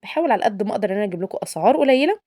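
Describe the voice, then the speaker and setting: A young woman with an Egyptian Arabic accent hosts a cooking channel, chatting casually as she shows her cooking, addressing viewers as girls and coaxing them to like the video. Her medium-pitched voice is dark in tone, with lively intonation, and she races along.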